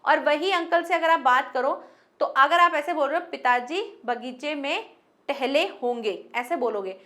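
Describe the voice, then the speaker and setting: High-voiced woman teaching Hindi grammar. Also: a bit bright. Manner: explains with everyday example sentences, talks directly to students; mixes English words into Hindi. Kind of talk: online grammar lesson.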